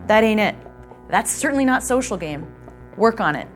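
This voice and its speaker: A woman's voice: mid-range voice, lively intonation, moderate pace, music in the background. A woman contestant giving a pointed, sassy confessional speech. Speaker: reality game contestant.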